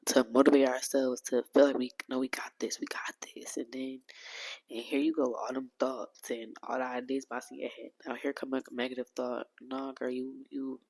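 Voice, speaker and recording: A woman's voice: extremely low pitch, flat delivery, brisk, darkish tone, rough recording. A woman hosting her own podcast, talking candidly in a heartfelt, rambling way with casual slang and frequent restarts. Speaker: podcast host.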